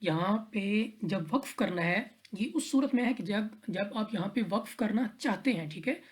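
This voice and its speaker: A woman teaches Quran recitation rules in a calm, step-by-step way. She goes through each letter and often pauses to check in with her students. Her voice sits at an ordinary middle pitch. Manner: patient, step-by-step, repeats rules and checks in with "theek hai". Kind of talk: tajweed lesson explaining recitation rules.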